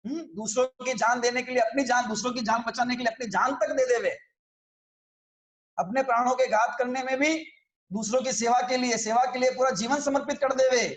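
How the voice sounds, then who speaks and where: A man's voice: very high voice, fairly even intonation, brisk, reverberant. A man teaching a religious scripture class, explaining in a conversational way and often checking that his listeners follow.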